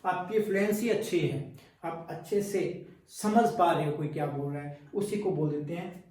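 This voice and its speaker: A man's voice: fairly high pitch, moderate pace, warm tone, far from the mic. A male teacher giving a recorded exam-prep lecture, explaining step by step and answering his own questions as he goes. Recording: very echoey room, voice from afar.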